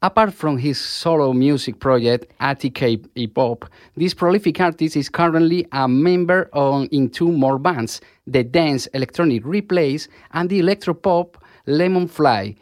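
A man's voice: fairly high pitch, moderate pace, no echo, clean studio sound. A man presenting music in scripted narration.

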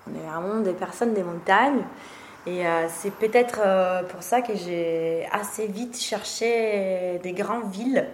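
A woman's voice: medium pitch, takes it slowly. A young woman from northeast Italy, chatting in an interview with frequent fillers and laughs. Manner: hesitant, many fillers, laughs often. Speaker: guest, café co-owner. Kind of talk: casual interview chat. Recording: roomy sound with faint noise.

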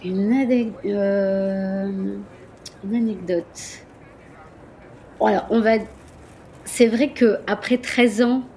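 A woman from Marseille who runs a tour company, chatting in a casual interview, animated, with frequent laughs and hesitant fillers. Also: medium pitch, slow pace, long pauses, a little hiss or hum. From Marseille, France. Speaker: guest, tour company owner.

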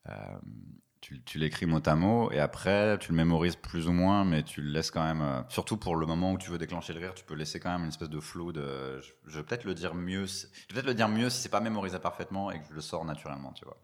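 A stand-up comic with a remarkably deep, low voice, speaking quickly. He is slangy and relaxed in a casual interview chat, and he rambles from one thought to the next. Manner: slangy, laid-back, rambling. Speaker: stand-up comedian.

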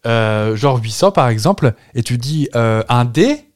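A man's voice: medium pitch, lively intonation, measured pace, dry recording, clean studio sound. A man co-hosting a casual podcast chat, playful and jokey, blurting out guesses. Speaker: podcast co-host.

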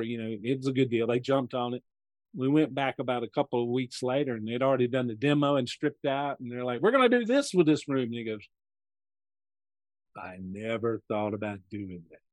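This sixty-something American, a real estate investor, is a podcast guest who rambles through stories in a casual interview and acts out others' remarks. His mid-range voice is steady, a bit fast, and a little mellow, recorded without echo.

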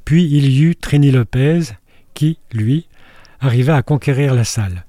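Older male radio film columnist, dark mellow tone, dry close sound, wry scripted delivery. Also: mid-range voice, moderate pace, no room sound. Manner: wry, storytelling asides.

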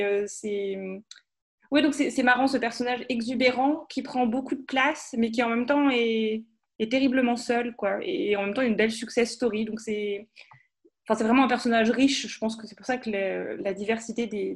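A woman giving a casual book review, often stopping to rephrase herself. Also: a little high. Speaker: podcast contributor.

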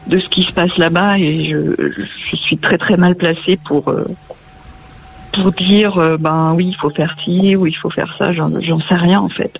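Halting, gravelly-voiced woman. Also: on the low side, fairly even intonation, dull audio. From France. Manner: halting, searching for words with many restarts. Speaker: guest on a live talk show. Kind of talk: casual live discussion.

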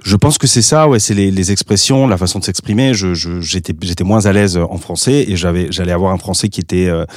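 In a relaxed interview, this guest, a Spaniard in his thirties speaking French as a second language with a slight accent, recounts his career with frequent restarts and fillers. The voice sits low and a little mellow, brisk with hardly any pauses, captured at studio quality without echo.

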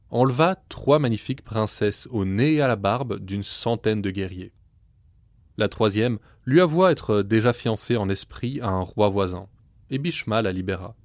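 Low-voiced man narrating a myth. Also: no room sound. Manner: measured, storytelling delivery. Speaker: storyteller. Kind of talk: scripted narration.

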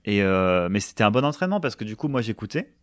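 A man's voice: on the low side, big pitch swings, fast, no room sound, studio quality. A young man in casual chat, telling an anecdote with animation and laughing through it.

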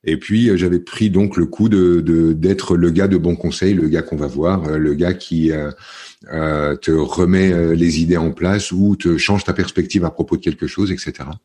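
A deep-voiced middle-aged man from France talks as a podcast guest, in a husky, mellow tone. He speaks in a casual, halting way, full of fillers and restarts as he tells his story. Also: fairly even intonation. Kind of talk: casual interview chat.

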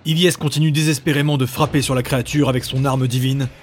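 A man narrating a fantasy story in a measured, dramatic way. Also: medium pitch, fairly even intonation, slight background noise. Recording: background music.

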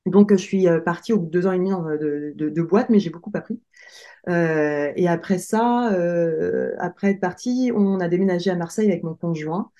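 A woman in her late thirties, a guest on a podcast, talks through her life in a relaxed, hesitant way. Her voice is warm and mellow. The recording sounds a bit dull and lo-fi. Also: on the low side, normal speed. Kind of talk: casual conversational interview.

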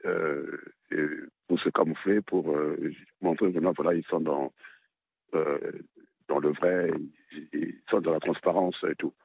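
A man caller leaving an opinion message on a radio station's answering machine, speaking hesitantly with many filler pauses. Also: a bass voice, fairly even intonation, vocal fry, no room sound. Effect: voicemail message left on a radio answering machine, over a phone line. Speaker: listener caller. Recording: dry, tinny phone line.

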